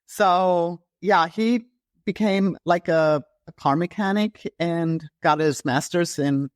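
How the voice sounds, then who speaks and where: A health coach from Germany, speaking slowly in a lowish voice, describes her journey in a casual interview conversation, often using fillers and restarting. The sound is clean studio quality without echo.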